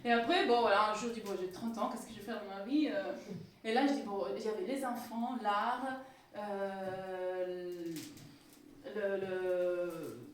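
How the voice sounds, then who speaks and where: A woman's voice: mid-range voice, fairly even intonation, a little slow, a little hiss or hum. A woman from Italy speaking with an Italian accent, giving a hesitant, casual talk full of fillers as an author-illustrator. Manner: hesitant, many fillers and restarts. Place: community hall with audience. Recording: echoey hall from far off.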